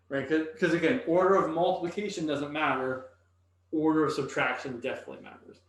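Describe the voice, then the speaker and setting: A man's voice: medium pitch, a bit bright. Male math instructor, thinks aloud while writing, very echoey room, far from the mic. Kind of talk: recorded classroom lecture.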